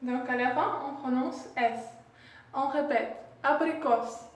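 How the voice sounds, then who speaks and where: A woman teaching a language lesson, patiently repeating each word slowly. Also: high-pitched, steady tone. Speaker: Russian teacher. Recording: echoey room, distant mic.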